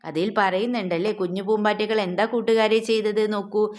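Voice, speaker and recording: A woman's voice: medium pitch, level tone, fairly quick, darkish tone. Coaxing woman teacher quizzing small kids. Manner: coaxing questions to children, mixes English words into Malayalam; asks and then answers her own questions. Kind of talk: explaining a school question paper to young children.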